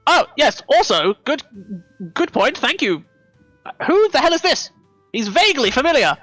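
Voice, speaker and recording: A woman voicing a small, mischievous male trickster in a high, chirpy, excitable pixie-like voice. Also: moderate pace, no room sound, soft background music. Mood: curious, scatterbrained. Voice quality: high-pitched.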